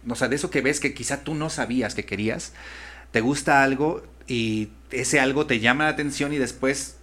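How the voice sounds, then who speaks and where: A man's voice: medium pitch, moderate pace, fairly bright tone. A man, a voice-over artist and voice coach, chatting thoughtfully and restarting often as he searches for words. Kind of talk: casual conversation.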